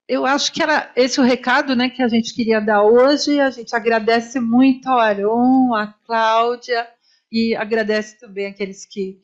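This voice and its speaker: Friendly woman host wrapping up a panel, mid pitch, dull lo-fi sound. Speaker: host, moderator. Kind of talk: panel moderation. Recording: dull, muffled event recording.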